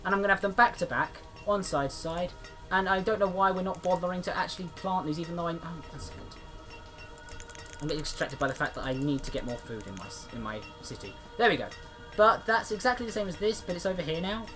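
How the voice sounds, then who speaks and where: A man's voice: high-pitched, expressive, fast, sharp tone, faint music behind. A man giving casual let's-play commentary, chatty and rambling, often restarting his sentences. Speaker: gameplay commentator.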